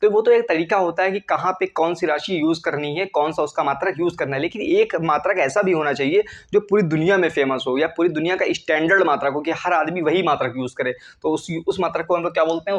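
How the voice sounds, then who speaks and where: Guy teaching chemistry, talks super fast, dull lo-fi audio. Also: fairly high pitch. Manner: asks and answers his own questions. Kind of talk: classroom lecture.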